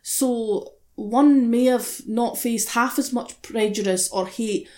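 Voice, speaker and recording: Speaking slowly in a slightly high voice with a warm tone, a female podcast host drives an impassioned, opinionated discussion. Her delivery is emphatic and passionate, and she swears a lot.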